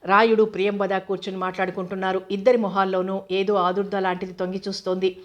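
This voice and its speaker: Woman reading a novel out loud, steady and really monotone. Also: mid-range voice, fast. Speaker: audiobook narrator. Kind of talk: scripted narration of a novel.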